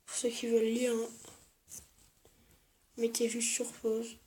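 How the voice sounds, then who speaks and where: A speaker presenting an unboxing video in an informal, halting and repetitive way, with speech affected by new dental braces. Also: mid-range voice, monotone, darkish tone. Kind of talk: casual unboxing commentary, partly reading aloud. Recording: clearly noisy home-made recording.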